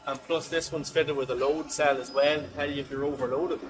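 A man's voice: a little high, fairly even intonation, fairly quick, over music, rough recording. An older man with an explanatory manner, often repeating words as he starts a sentence, describing equipment during an interview in a large warehouse, recorded by a nearby 360 camera. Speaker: forklift dealer expert. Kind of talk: on-site demonstration interview.

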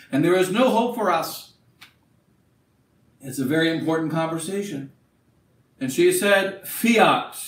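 A middle-aged man preaching a wedding sermon in a small chapel, declaiming and then dropping to quieter practical asides. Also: high voice. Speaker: bishop. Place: small chapel at an altar, indoors. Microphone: far camera. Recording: echoey room from a distant camera, faint hiss.

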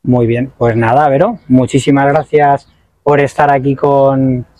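A man's voice: mid-range voice, fairly even intonation, unhurried, mellow, no echo. A man in his forties hosting a padel vlog, interviewing a player outdoors at a tournament with a handheld mic, upbeat and prompting. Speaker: vlogger and interviewer.

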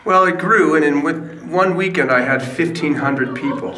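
A man's voice: fairly high pitch, normal speed, reverberant, noisy background. A man who runs a haunted attraction, chatting casually in an interview about how it started. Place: dark stone-walled haunted attraction, indoors.

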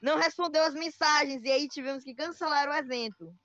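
A young male channel host casually chats and teases his friends while playing an online game, excitable and breaking into sing-song outbursts. His voice is very high-pitched and a little fast, with no room sound, over dull lo-fi voice chat.

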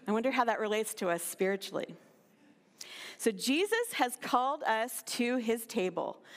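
A woman with an American accent giving a guest sermon in a church, talking conversationally and addressing the children and congregation directly. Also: a little high. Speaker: guest preacher. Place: church sanctuary. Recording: long hall reverb in a church.

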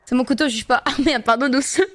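A woman's voice: sits high, brisk. A young woman streaming a game, chatting casually and laughing with friends. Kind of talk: casual gaming chat with friends.

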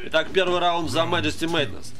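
Male esports-style host: lightly high-pitched, informal, excitable live game commentary over clear background music. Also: brisk. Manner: excitable, informal, addresses viewers as friends. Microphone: voice-over over game audio. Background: game music and fight sounds.

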